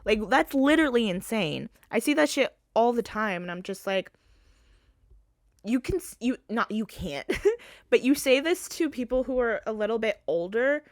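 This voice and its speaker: A woman's voice: medium pitch, no room sound, studio quality. A young woman hosting a casual solo podcast, talking animatedly, swearing freely and laughing as she goes. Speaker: podcast host.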